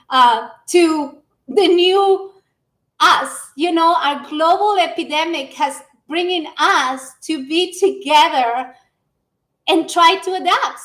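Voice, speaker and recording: A middle-aged woman from Ecuador giving an energetic business presentation on a livestream, greeting the audience warmly. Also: sits high. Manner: energetic, warm greetings to the audience, spoken with restarts. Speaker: public speaker. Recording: echoey room.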